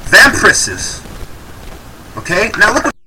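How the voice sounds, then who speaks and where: A man rants in a heated, sarcastic way as he reacts to a clip. His voice sits high and swings up and down a lot, with a bright, tense edge. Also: very animated, measured pace, far from the mic, slight background noise, low-quality recording. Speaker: video commentator.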